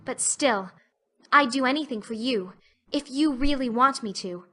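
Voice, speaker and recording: In a full character voice for an audiobook drama, a woman portrays an imaginative little girl, speaking a little slowly. The tone is bright, clear-edged and somewhat high, with an earnest, theatrical, wistful quality. A plaintive, solemn turn colors her wordy lines.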